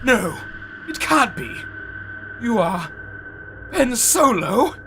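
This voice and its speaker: A man's voice: very high-pitched, sing-song, drawn-out words, exaggerated voice. A man playing a proud, ambitious military general in a fan comic dub, with a haughty, intense delivery. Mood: shocked denial. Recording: music behind the voice.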